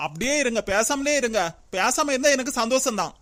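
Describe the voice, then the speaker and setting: A performer voicing a sharp-tongued young daughter-in-law in a cartoon, speaking with a Kanyakumari Tamil accent in a scolding, defensive way. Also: medium pitch, lively intonation, natural voice. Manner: scolding, defensive, quick retorts. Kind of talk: cartoon voice acting.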